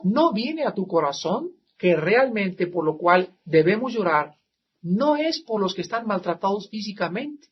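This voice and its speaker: A man preaching a sermon as a pastor, emphatic and dramatic, swinging from loud to soft. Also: high-pitched. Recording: slightly dull archival sermon recording, faint hiss.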